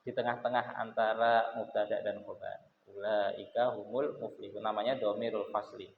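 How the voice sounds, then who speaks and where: A man's voice: lowish voice, little pitch movement, normal speed, vocal fry, a little hiss or hum. A man with an Indonesian accent teaching a Quran commentary lesson, explaining grammar and chanting Arabic phrases. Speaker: Islamic teacher. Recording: echoey hall, tinny phone-like audio.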